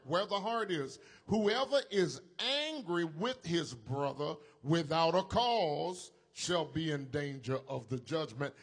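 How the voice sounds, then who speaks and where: A male preacher, delivering a sermon in a high voice. He moves at an unhurried, drawn-out pace and leans hard on key phrases. He calls on the congregation to answer back. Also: a bit bright. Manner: slow, emphatic preaching with call-and-response to the congregation.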